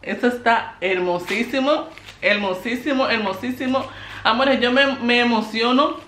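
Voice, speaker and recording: A woman's voice: fairly high pitch, normal speed, echoey room, a little hiss or hum. Emotional, laughing Dominican woman vlogger. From Dominican Republic. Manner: expressive and emotional, laughs often. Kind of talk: casual vlog, opening birthday gifts. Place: home, indoors.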